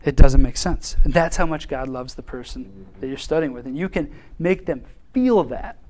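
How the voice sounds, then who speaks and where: A man teaching a Bible class in an informal, animated way, acting out quotes and laughing often. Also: fairly high pitch, moderate pace, slight background noise.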